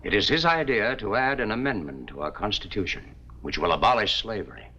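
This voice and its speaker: A bright, animated loyal friend, earnest and ceremonious. The sound is a muffled vintage TV soundtrack. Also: male voice, lowish voice, a little fast, husky, heavily acted. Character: loyal friend announcing guests, formal. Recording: dull 1950s TV soundtrack.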